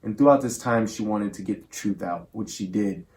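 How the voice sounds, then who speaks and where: The earnest host of a spirit box session talks at a moderate pace in a low voice with a darkish tone. He speaks to listeners and spirits alike using loving, respectful wording.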